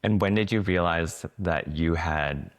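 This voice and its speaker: A man's voice: low-pitched, measured pace. A man hosting a podcast, asking loose rambling questions and laughing often. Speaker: podcast host. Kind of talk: casual interview hosting.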